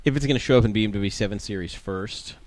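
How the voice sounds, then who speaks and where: A man's voice: fairly low pitch, quick pace, a little mellow, dry recording. A man chatting casually as a podcast host, his speech slightly slurred by a swollen tongue. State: swollen tongue, as after the dentist. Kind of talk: casual chat.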